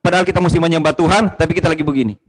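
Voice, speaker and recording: Pendeta pria berkhotbah penuh semangat, suara agak tinggi. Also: male voice, very fast, husky, low-quality recording. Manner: impassioned preaching, swinging between loud exclamations and low asides; conversational and joking with the congregation. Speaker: pastor. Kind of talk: sermon. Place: church service streamed online.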